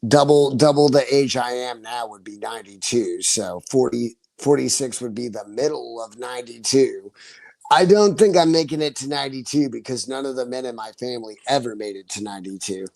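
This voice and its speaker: A man's voice: medium pitch, fairly quick, creaky, a little mellow, no room sound. A man in his forties chatting casually on his livestream, rambling, laughing often and swearing freely. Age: 40s. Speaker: livestream host.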